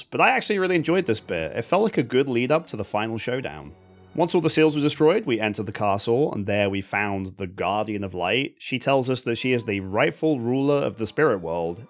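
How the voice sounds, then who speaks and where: A man narrates his playthrough of a video game with dry, sarcastic humor, laughing at its oddities. His pitch swings widely as he talks. Soft game music plays faintly behind him. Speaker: gaming video host. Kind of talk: comedic gameplay commentary voice-over.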